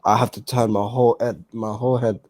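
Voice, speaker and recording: A man's voice: medium pitch, little pitch movement, a little fast, crowd noise. A young British man co-hosting a casual podcast chat, slangy and jokey. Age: young adult. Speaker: podcast co-host.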